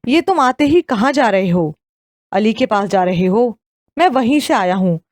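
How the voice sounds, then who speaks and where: Woman plays a cheerful young man in an audio novel, teasing and anxious, a bit high, dry read. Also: lively intonation, no room sound, natural voice. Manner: teasing, then anxious questioning.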